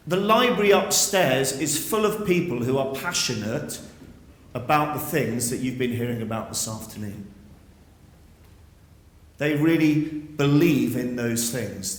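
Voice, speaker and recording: A man's voice: mid-range voice, a bit bright. A man, a school headmaster, giving an earnest, persuasive speech to pupils at an assembly, using rhetorical questions. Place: school hall. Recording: echoey hall.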